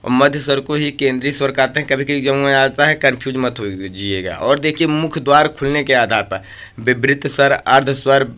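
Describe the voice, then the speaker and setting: Medium in pitch and a bit bright, at a normal speed, this man's voice leads an exam-prep grammar lesson. He poses questions and answers them himself in repeated drills, drawing out vowels as examples.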